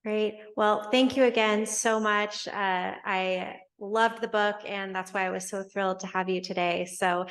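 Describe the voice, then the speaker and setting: A woman hosting an interview, affirming her guest and asking quick questions. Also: medium pitch, steady tone, fairly bright tone. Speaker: podcast host. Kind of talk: interview conversation.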